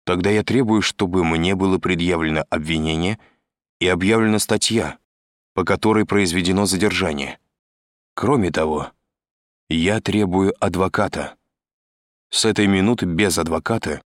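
A man's voice: deep voice, moderate pace, dry recording, clean studio sound, natural voice. A man reading an insolent male detainee. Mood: demanding. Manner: insolent, smirking answers. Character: brazen, nervous male detainee. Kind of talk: audiobook reading.

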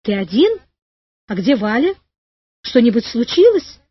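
A woman's voice: sits high, expressive, normal speed, no room sound, muffled recording. A woman reading the lines of an anxious, kindly older male professor in a storybook. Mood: worried.

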